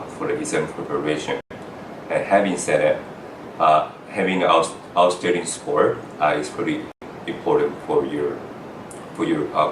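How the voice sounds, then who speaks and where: This earnest personal account to camera comes from a middle-aged doctor from Taiwan, trained abroad, explaining how he reached residency. His very deep voice is halting, full of "uh" fillers and restarts, captured with a roomy sound from a distance amid background noise.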